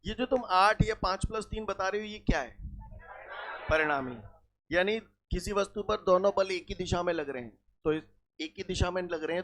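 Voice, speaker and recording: A man's voice: sits high, fairly bright tone, a little hiss or hum. A man teaching a physics lesson to a class. He explains step by step with everyday examples, repeats key points, slips into rustic dialect words and keeps asking whether the students follow.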